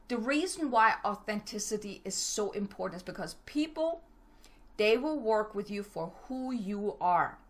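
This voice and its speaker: Fast, direct, and occasionally stumbling, a middle-aged German business coach delivers a motivational talk with a German accent. She speaks in a mid-range voice that's a bit bright.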